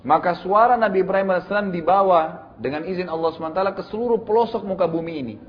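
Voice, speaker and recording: A man's voice: high voice, very fast, lo-fi sound. A middle-aged man gives a religious lecture in a conversational style, often adding tag questions and speaking straight to his listeners. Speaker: Islamic preacher.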